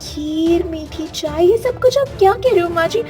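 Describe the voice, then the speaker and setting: Woman voicing a very high, meek young bride. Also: lively intonation, normal speed, warm tone, faint music behind. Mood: pleading. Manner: pleading, polite. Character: meek young daughter-in-law who loves cooking.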